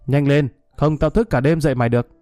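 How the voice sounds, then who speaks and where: A man's voice: medium pitch, fairly even intonation, fast, darkish tone, no room sound, faint music behind, natural voice. A man doing a swaggering, menacing street thug. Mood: menacing, mocking. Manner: menacing, showy, theatrical. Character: swaggering young street thug with flowery speech.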